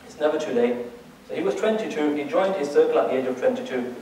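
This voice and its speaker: A man gives a religious lecture in a strongly echoing room, his voice slightly high and set well back from the microphone. He keeps turning to his listeners with rhetorical questions and checks. He often restarts and repeats words as he goes. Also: fast talker, darkish tone, slight background noise. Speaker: Islamic teacher. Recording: very echoey room, distant mic.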